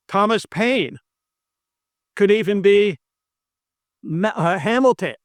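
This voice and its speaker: Speaking to camera in a brick-and-stone-walled room, this American economist delivers a video lesson on money with earnest conviction. The sound is dry and close with no room sound, and his rather high voice has a fairly bright tone. He pushes one point over and over, restates his main claims emphatically, and trips on foreign names.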